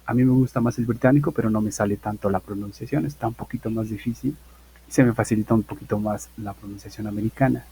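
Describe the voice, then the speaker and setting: A male English teacher, giving an online university class and slowly repeating example phrases for his students. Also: lowish voice, steady tone, creaky, mellow, slight background noise, poor audio.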